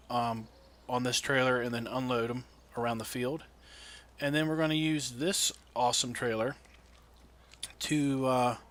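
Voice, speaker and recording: A man giving casual, unhurried gameplay commentary as host of a farming game video, thinking aloud in a folksy way with a tractor engine rumbling behind him. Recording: loud vehicle engine noise behind voice.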